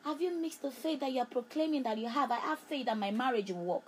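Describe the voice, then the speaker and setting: A woman delivers a prophetic sermon in a high voice at a quick pace, repeating phrases emphatically with a rhythmic preacher's cadence. The audio is poor, with a little hiss or hum.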